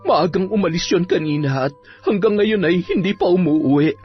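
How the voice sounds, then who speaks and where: A woman's voice: fairly low pitch, lively intonation, normal speed, breathy edge. A woman voicing a tired, patient mother and long-suffering wife. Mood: weary. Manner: tired, soothing, pleading. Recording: dull audio, soft music behind.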